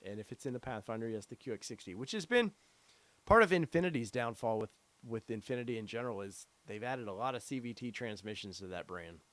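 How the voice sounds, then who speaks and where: A middle-aged man hosting a casual live stream speaks fast and expressively in a mid-range voice that's a bit bright, captured on a dry recording. As a podcast host, he rambles, uses plenty of fillers, and reads chat out loud. His voice is wearing thin as he loses it.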